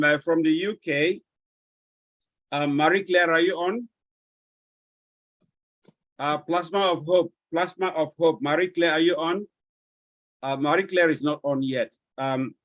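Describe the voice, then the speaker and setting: A man with a Nigerian accent moderating an online webinar over a video call, courteous and halting as he checks who has joined. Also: fairly high pitch, fairly bright tone, dry recording.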